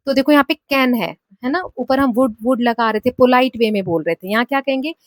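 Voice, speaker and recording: Higher-voiced Indian teacher woman, dry sound. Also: dry recording. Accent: Indian English. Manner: explains in Hindi, reading English textbook lines slowly; checks in with "है ना?". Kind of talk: textbook lesson explanation.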